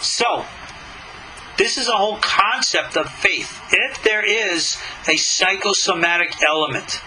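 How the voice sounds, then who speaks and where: A middle-aged or older man, a rabbi, reads a religious text aloud and comments on it during a lesson, sounding emphatic, skeptical and questioning. His voice is high, pushed and bright, and he speaks a little slowly. The recording is low quality with slight background noise.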